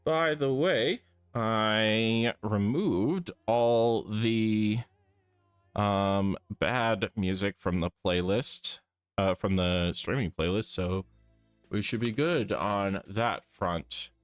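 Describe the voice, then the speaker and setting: A man's voice: on the low side, drawn-out words, clear, resonant tone, dry recording, soft background music. A tired man with his voice a bit off, chatting casually with viewers while he draws on a live stream. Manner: chatty, thinks aloud while drawing. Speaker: art streamer.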